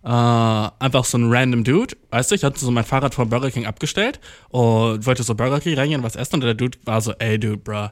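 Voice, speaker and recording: A man's voice: mid-range voice, steady tone, brisk. A man podcasting from home, ranting in a casual, restless way, swearing a lot and dropping English slang. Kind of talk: casual rant to the listener.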